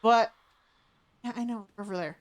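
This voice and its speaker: A woman's voice: a little high, moderate pace. A woman hosting a game livestream, talking casually in a monologue to her viewers.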